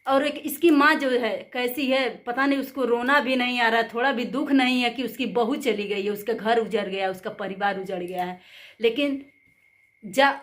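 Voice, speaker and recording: A woman's voice: a little high, steady tone, moderate pace, fairly bright tone. A woman hosting her own channel, talking indignantly and at length in a rambling, emphatic way. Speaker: channel host. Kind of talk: angry commentary vlog.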